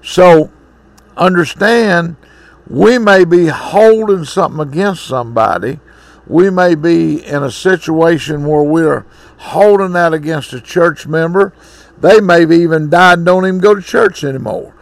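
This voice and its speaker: A man's voice: fairly high pitch, a little slow, gravelly, no echo. A man preaching a sermon, reading scripture and then exhorting in a folksy way.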